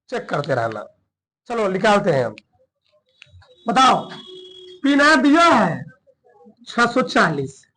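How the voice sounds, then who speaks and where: A man's voice: very high voice, pushed and bright, poor audio. A man teaching a chemistry lesson, working through a problem in a colloquial way and often checking that his students follow.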